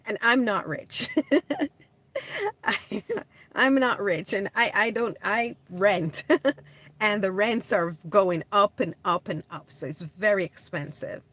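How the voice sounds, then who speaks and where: A Jamaican-born woman hosts a livestream from her home in California, chatting casually, answering viewer comments and laughing often. Her mid-range voice is expressive and a bit bright, her pace slow, with no room sound.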